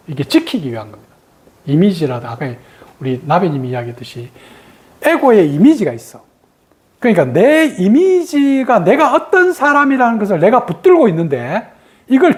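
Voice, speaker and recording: A woman meditation teacher gives a dharma talk and acts out the ego's sudden refusals in a lively way. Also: mid-range voice.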